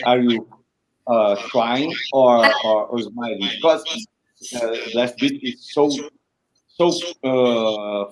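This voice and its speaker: A man hosting a live stream interview, speaking haltingly with many uhs and restarts. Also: medium pitch, background noise. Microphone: video call.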